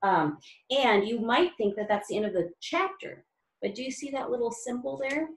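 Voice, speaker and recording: A woman's voice: fairly high pitch, expressive, moderate pace. A woman reading a children's chapter book aloud, stopping now and then to explain words in simple terms. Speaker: reader. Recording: roomy echo.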